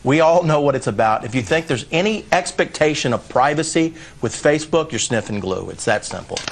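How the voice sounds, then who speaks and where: A man's voice: medium pitch, expressive, a little fast, gravelly. A man who is a former prosecutor, speaking bluntly and mockingly as a guest on a news panel.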